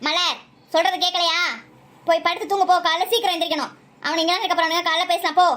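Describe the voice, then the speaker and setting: Cartoon mom, strict but doting, high and rapid-fire; woman voices her. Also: fairly even intonation, fairly bright tone. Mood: scolding. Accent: Tamil Nadu. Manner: scolding, quick-tempered, then tender. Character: strict, loving middle-aged village mother. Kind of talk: cartoon voice acting.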